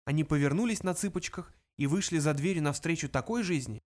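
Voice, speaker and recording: A man reads a comic novel aloud with lively, expressive narration. His voice sits slightly above the usual male range. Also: a little high, brisk. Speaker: audiobook narrator. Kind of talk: scripted narration.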